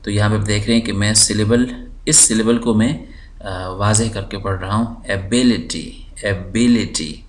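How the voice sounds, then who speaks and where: A man with a fairly low voice teaches a language lesson in a roomy, echoey space. He says each word several times, slowly and deliberately, leaning on the stressed syllable. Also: little pitch movement, slight background noise. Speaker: English teacher. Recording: roomy echo.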